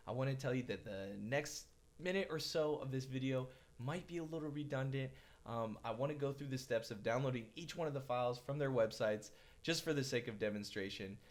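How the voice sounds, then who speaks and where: A man narrating a casual step-by-step computer tutorial, chatty and reassuring, with frequent ums and uhs as he rambles through the steps. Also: medium pitch. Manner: reassuring, careful about disclaimers. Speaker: tech tutorial presenter.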